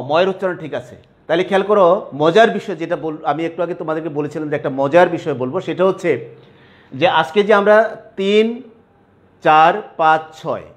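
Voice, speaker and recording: Male teacher, a bit high in pitch, patient classroom lecture that keeps checking understanding. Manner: repeats words slowly and asks 'clear?' often.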